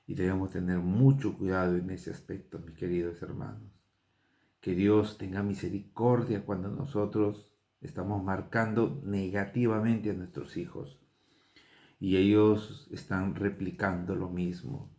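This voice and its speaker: Slow, earnest preaching man in an echoey room. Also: deep voice, vocal fry, a little mellow. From Peru. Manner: earnest, unhurried preaching with rising emphatic bursts. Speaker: pastor. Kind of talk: sermon.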